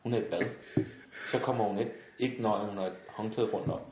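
A man telling funny anecdotes in a casual podcast chat, acting out the voices in his stories and laughing often. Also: lowish voice. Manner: animated storyteller, acts out voices, laughs often. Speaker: podcast guest. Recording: roomy sound with faint noise.

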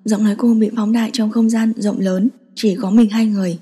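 A woman narrating an audiobook romance in a steady storytelling manner. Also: medium pitch, a little fast, husky. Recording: long hall reverb.

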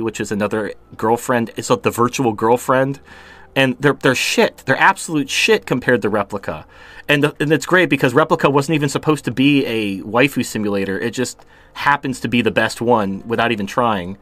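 A man's voice: mid-range voice, a little fast, a bit bright. A man hosting a podcast, talking in blunt, crude and opinionated casual banter. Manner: blunt, crude, opinionated, laughs at his own jokes. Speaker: show host.

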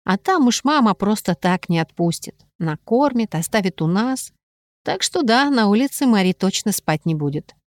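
A woman narrating a novel in the first person, with a wry, expressive reading. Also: medium pitch, normal speed, no room sound, studio quality. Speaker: audiobook narrator.

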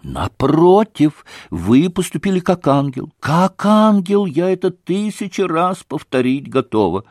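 A man voicing an excitable middle-aged society lady who talks effusively and breathlessly. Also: on the high side, unhurried, hardly any pauses, no echo, clean studio sound, voice pushed up. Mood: gushing. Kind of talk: audiobook character voice.

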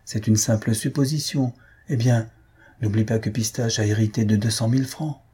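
A man voicing a practical, coaxing middle-aged mother in an audiobook, with a husky, dark voice. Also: fairly low pitch, fairly even intonation, normal speed. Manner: coaxing, matter-of-fact.

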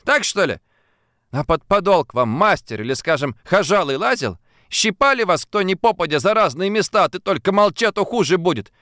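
A man reading an audiobook, voicing a sharp-tongued young working girl who scolds and mocks. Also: high voice, dry recording, studio quality, pitched above the performer's own voice, exaggerated voice. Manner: scolding, mocking, teasing. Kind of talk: audiobook character voice.

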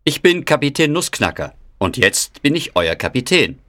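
A brave toy nutcracker captain, voiced by a man, who rallies his soldiers in a commanding way. His pitch leaps about a lot as he speaks, in a storybook reading. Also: very animated, normal speed, fairly bright tone, dry recording. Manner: commanding, rousing.

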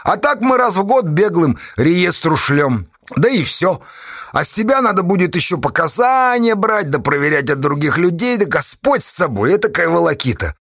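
A sly, fussy clerk , as a man puts him on in an audiobook, coaxing and wheedling in a raised, lively voice. The sound is close and dry with a husky edge. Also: high-pitched, moderate pace, dry recording, pitched above the performer's own voice, exaggerated voice. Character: shrewd lazy male clerk, sly and fussy.

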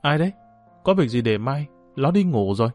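A man's voice: mid-range voice, big pitch swings, fairly quick, a little mellow, soft background music, close to an everyday voice. A man voicing a frightened young village girl, raising his voice and pleading. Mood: wary.

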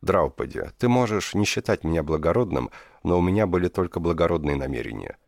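Commanding divine prince read by a man, measured and authoritative, very deep voice, dry sound. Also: expressive, vocal fry, dry recording, heavily acted.

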